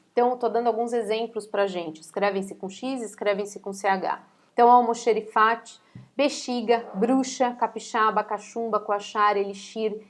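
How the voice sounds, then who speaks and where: A Brazilian woman teacher walks through spelling rules in a recorded class video, speaking at a middle pitch. She explains step by step and keeps checking in with her students as she lists examples. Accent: Brazilian Portuguese. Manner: explains step by step, often checking in with "né?" and "tudo bem?".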